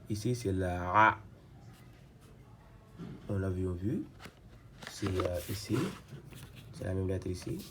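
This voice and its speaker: A man's voice: sits low, fairly bright tone, a little hiss or hum. A man teaching Quran reading, going patiently syllable by syllable, repeating sounds and often restarting his sentences. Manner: patient, repetitive, spells out syllables slowly; frequent hesitations and restarts. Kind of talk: step-by-step reading lesson.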